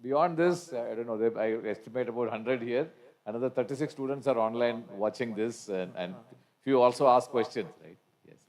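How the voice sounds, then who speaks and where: A man's voice: mid-range voice, moderate pace, darkish tone. A man in his sixties with an Indian accent, a faculty member moderating an alumni event, gives a storytelling tribute with frequent restarts. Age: 60s. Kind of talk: tribute speech.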